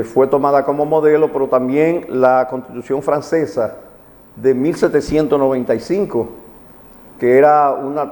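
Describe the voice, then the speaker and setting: A magistrate from the Dominican Republic, speaking with a Caribbean Spanish accent, works as a legal commentator on a TV programme, explaining legal matters didactically and repeating his key points. His mid-range voice is a little mellow, and the sound is reverberant, like a hall.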